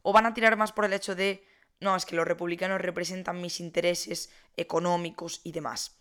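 A woman's voice: on the low side, flat delivery, a little fast, a bit bright, clear, resonant tone. A young woman, casually explaining politics in a chatty monologue, with many fillers and self-corrections.

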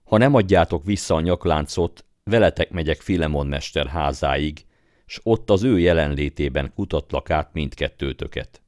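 A man's voice: a bass voice, darkish tone, no room sound, clean studio sound. A man voicing a frantic old male goldsmith in an audiobook, with a shaky, pleading voice and wailing, accusing outbursts. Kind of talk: audiobook character voice.

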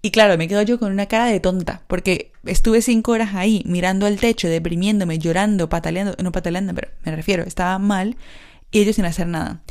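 A woman's voice: medium pitch, steady tone, fast, a little mellow. Frank, exasperated young woman. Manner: frank and exasperated, swears freely, many fillers. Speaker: podcaster telling a personal story. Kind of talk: casual personal storytelling.

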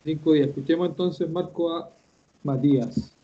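A man's voice: on the high side, normal speed, mellow, slightly rough, highs cut off. A man hosting a casual online language class, chatty and encouraging, often repeating himself. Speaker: host and Japanese teacher.

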